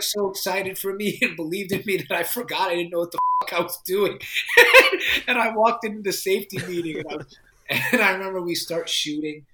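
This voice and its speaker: A man's voice: fairly high pitch, reverberant, a little hiss or hum. A man, a film director, telling stories in a casual interview with lots of laughter and fillers. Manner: animated, laughing storyteller with many fillers.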